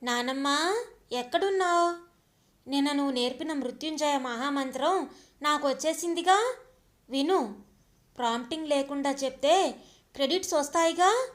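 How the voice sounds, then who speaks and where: A woman's voice: sits high, moderate pace, pauses often, natural voice. A woman reading an audio story, voicing a young grandson who talks in a pleading, sobbing way. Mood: eager. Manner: pleading, sobbing child talk. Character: young boy, anxious, tearful grandson.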